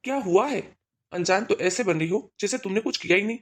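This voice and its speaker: A woman voicing a man in his thirties in a cartoon, a son and husband who scolds sternly and loudly. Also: mid-range voice, brisk, slightly rough, natural voice. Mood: angry.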